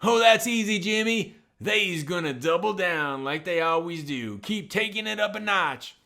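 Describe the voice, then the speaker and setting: A man doing a folksy know-it-all sidekick, trading jokes with the host. He drawls slowly in loose, ungrammatical phrasing, with a bright, slightly high voice. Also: expressive, vocal fry, exaggerated voice. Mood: smug. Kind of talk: comedic banter.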